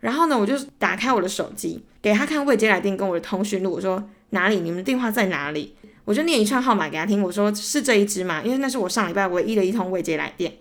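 In casual, ranting storytelling on her solo podcast, a young Taiwanese Mandarin-accented woman speaks fast with an expressive, medium-pitched voice. She animatedly plays out both sides of arguments and becomes heated and exasperated as she goes.

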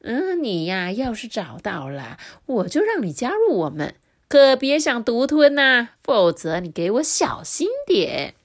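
A bossy wolf leader booms his boasts and threats in a children's story, as a woman puts him on. The voice sits high and carries a menacing edge. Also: very animated, unhurried. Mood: gruff boasting.

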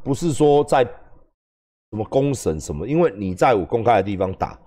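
A man with a Taiwanese accent hosting a livestream, ranting and swearing loudly, switching between mocking shouts and low muttered asides. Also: big pitch swings, moderate pace, background noise. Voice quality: loud, swings between yelling and muttering. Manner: shouting profanity, mocking impressions. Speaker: livestream host, gym owner. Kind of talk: angry livestream rant.

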